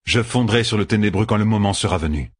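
A man voicing a resolute young hero who speaks calmly and firmly. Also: lowish voice, fast, husky, no room sound, studio quality. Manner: calm, firm. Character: resolute young male hero, calm and firm.

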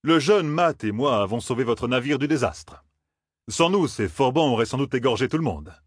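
A man's voice: medium pitch, expressive, normal speed, slightly rough, dry recording, clean studio sound, voice pushed up. A man voicing a hardened, cold swordsman who speaks in a mocking, self-assured way. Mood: smug. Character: hardened gruff male swordsman, cold and sardonic.

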